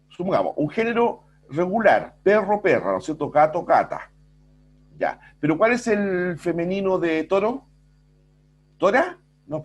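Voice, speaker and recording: A man's voice: a little high, husky. A middle-aged man, teaching a recorded grammar lesson and often checking in with the class. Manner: explains with many rhetorical checks and self-corrections. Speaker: school language teacher. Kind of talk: recorded virtual class lecture.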